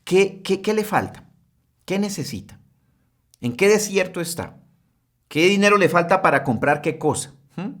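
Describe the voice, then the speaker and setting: A man's voice: high-pitched, lively intonation, normal speed, pauses often, a bit bright. A male preacher delivering a sermon, emphatic, full of rhetorical questions and frequent checks with the listeners.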